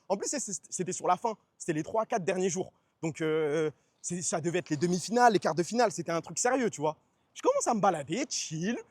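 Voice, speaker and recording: Young guy streaming irl outside, rattles off a story super fast, bit high voice. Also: dry recording. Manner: fast slangy storytelling, acts out quoted voices. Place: outdoors on city streets. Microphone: phone stream mic with noise suppression.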